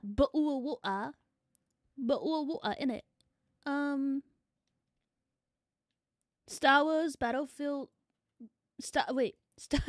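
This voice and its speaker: A young woman VTuber in a loose, playful livestream chat, tossing out casual swears. Her voice sits high and her pace is slow and easy. The sound is dry and close, with almost no room around it. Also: a bit bright, no echo. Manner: playful, swearing, chatting with viewers. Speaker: VTuber streamer.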